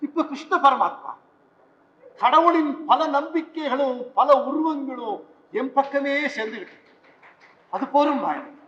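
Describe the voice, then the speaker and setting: A kindly, quietly wry priest in an old stage play, his voice sitting unusually high. It sounds far off in a big echoing hall, on a dull old recording. He talks with calm theatrical care. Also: measured pace, pauses often, heavily acted. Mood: gentle. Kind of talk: vintage stage play acting.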